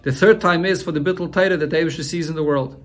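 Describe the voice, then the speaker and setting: A man's voice: fairly high pitch, fast. Man teaching a Talmud lesson. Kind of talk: Talmud shiur, translating and explaining.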